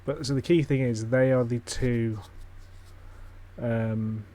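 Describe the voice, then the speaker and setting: A man's voice: medium pitch, fairly even intonation, slow, mellow. A man giving casual, skeptical commentary while watching a ghost-hunting show, blunt and swearing now and then. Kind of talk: casual live-stream commentary.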